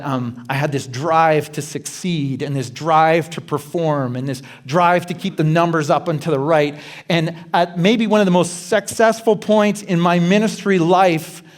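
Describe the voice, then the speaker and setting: High-voiced pastor preaching with animated delivery. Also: male voice. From Canada. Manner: animated, acts out anxious self-talk with rising pitch; drops to a quiet, low voice for questions to the listener. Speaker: guest pastor. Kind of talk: sermon.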